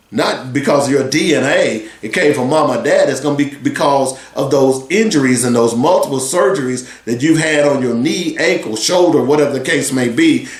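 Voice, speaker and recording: A man's voice: mid-range voice, reverberant. A man in his sixties talking earnestly as a sports radio host, rambling and conversational. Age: 60s. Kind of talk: solo talk radio commentary.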